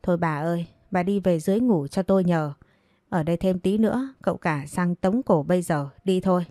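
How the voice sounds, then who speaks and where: A woman's voice: on the low side, fairly quick, dark tone, no echo, natural voice. Cunning, mocking maid, read by a woman storyteller; dry close sound. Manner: teasing, mocking. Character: cunning young maid, mocking, sharp-tongued.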